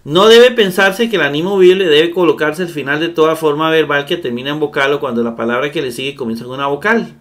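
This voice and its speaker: Man teaching grammar, somewhat high voice. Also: quick pace, hardly any pauses, a bit bright. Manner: patient step-by-step explaining, often checking with "¿verdad?". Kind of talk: recorded grammar lesson.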